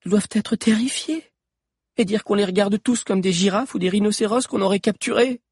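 A man voicing a compassionate teenage girl in a pitying, soft-hearted manner. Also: sits high, a little fast, husky, no echo, clean studio sound, pitched above the performer's own voice.

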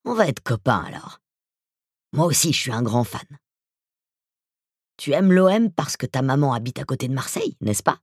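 Reader putting on a big creepy villain guy, hissy and breathy, low and quiet, dry close sound. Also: very animated, normal speed, long pauses, no room sound. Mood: mock friendly. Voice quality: hollow, hissing like a snake. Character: hulking middle-aged male villain, menacing. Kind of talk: audiobook character voice.

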